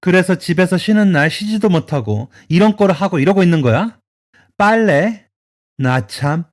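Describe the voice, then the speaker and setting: A man voicing a furious, domineering older mother-in-law who scolds and shouts in a storytelling radio drama. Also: sits high, animated, normal speed, voice pushed up. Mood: scolding.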